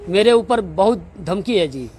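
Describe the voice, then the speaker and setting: A man being interviewed as a tenant, pleading anxiously and halting, repeating phrases with respectful "ji". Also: sits high, animated, a crowd in the background.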